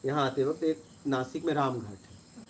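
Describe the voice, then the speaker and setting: Animated Indian man telling stories. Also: medium pitch, normal speed, a little hiss or hum. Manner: animated, acts out quarrels with rising forceful voice. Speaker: spiritual teacher. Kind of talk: storytelling talk to listeners.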